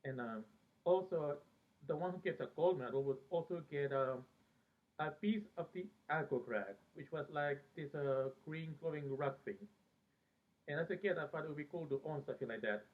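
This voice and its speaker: This fan vlogger, originally from Peru and later living in America, reminisces loosely about a TV series in a halting way, stopping often partway through sentences. His voice sits slightly high, and the recording has a thin, phone-like quality.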